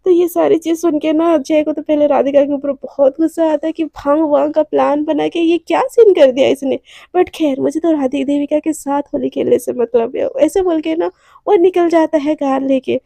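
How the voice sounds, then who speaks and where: Brief: woman storyteller, high and mellow, chatty rambling retelling, dry close sound. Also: steady tone, normal speed, vocal fry, no echo. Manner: chatty retelling with frequent fillers. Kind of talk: casual story narration.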